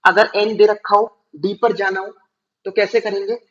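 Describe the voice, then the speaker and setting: A male teacher giving a classroom lecture, explaining step by step, slowing down to spell out terms and checking whether students follow. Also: sits high, flat delivery, a bit bright. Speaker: commerce teacher. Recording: dull lo-fi recording.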